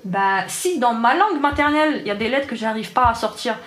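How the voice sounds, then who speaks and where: Animated and brisk, a somewhat bright, slightly high voice belongs to an Algerian engineer in her twenties reflecting earnestly in an interview. Native in Arabic, she speaks French with an Algerian accent, and the room echoes.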